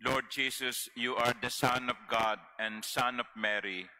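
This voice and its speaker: A man leading Mass as priest, reciting prayers in a measured, formal way at a pulpit microphone in a large cathedral. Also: mid-range voice, fairly even intonation, sharp tone, rough recording.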